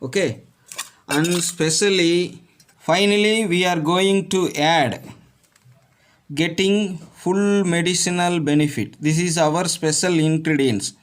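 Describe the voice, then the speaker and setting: Showing how to cook a home remedy, this presenter, a man whose first language is Tamil, talks in a high voice. His English is broken and halting, slow, with "okay" inserted between phrases again and again.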